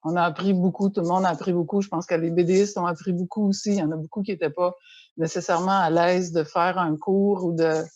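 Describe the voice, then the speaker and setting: Quebec-accented woman, slightly low pitch, hesitant casual talk, dull dry recording. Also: fairly even intonation, fast talker, darkish tone, no room sound. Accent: Quebec French. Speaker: festival organizer. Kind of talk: casual unscripted chat.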